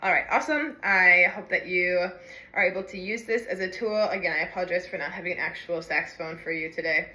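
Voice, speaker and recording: A woman's voice: on the low side, fast talker, pushed and bright, reverberant, rough recording. Woman scatting rhythms in a lesson. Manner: counts beats and scats rhythms on syllables. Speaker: music teacher. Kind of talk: instructional walkthrough with sung rhythms.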